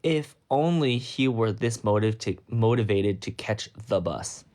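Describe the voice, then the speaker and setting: A man's voice: fairly low pitch, lively intonation, measured pace, darkish tone. A young man reading a piece of fanfiction aloud on a livestream, breaking off now and then to comment wryly on the text. He records at home on a phone mic. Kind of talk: reading a story aloud with asides.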